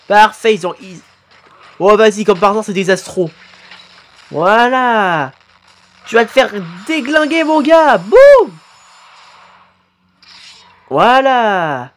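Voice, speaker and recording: A man commenting live on videos his subscribers made, excitable and quick to exclaim and swear. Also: sits high. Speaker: YouTuber reacting to fan animations.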